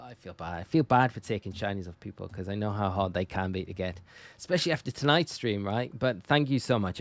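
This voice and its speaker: A man from northeast England with a northern English accent talks casually to viewers while gaming on a live stream. His voice sits on the low side, and the recording is dry.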